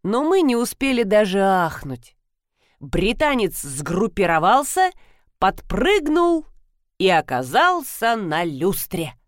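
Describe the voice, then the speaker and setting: A woman reading a comic novel aloud as an audiobook, in brisk, animated narration. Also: mid-range voice, dry recording, clean studio sound. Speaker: audiobook reader.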